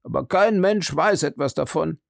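A man's voice: fairly high pitch, expressive, moderate pace, vocal fry, no echo, clean studio sound, voice pushed up. A man voicing a flustered, placating hotel porter.

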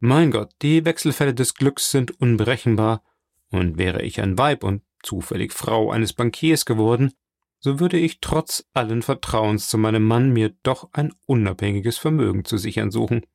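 A man reading the lines of a calm, worldly middle-aged count in an audiobook, measured and quietly ironic. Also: mid-range voice, creaky, no echo, clean studio sound. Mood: knowing.

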